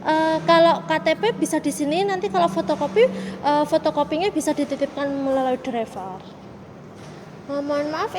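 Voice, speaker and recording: A woman speaking as a showroom salesperson in a polite, formal customer service voice. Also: high voice. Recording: reverberant, noisy room with vehicle sounds.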